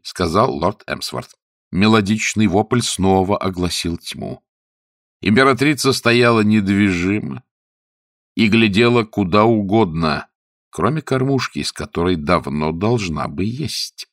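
A man narrating a story aloud in a lively, expressive reading style. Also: fairly low pitch, dry recording, studio quality. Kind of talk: audiobook narration.

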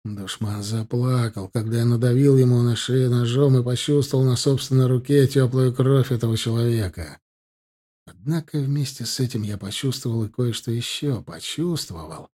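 Man reading in a mellow, cold voice. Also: mid-range voice. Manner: grim, cold, measured. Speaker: audiobook narrator. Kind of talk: scripted first-person audiobook narration.

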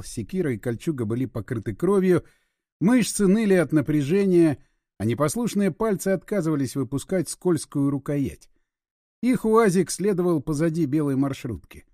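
Male audiobook narrator, high and animated, dry close sound. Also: no room sound.

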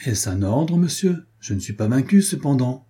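A man voicing a haughty, hot-tempered German count who barks orders, in a husky raised voice. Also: medium pitch, sing-song, moderate pace, warm tone, pitched above the performer's own voice. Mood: angry.

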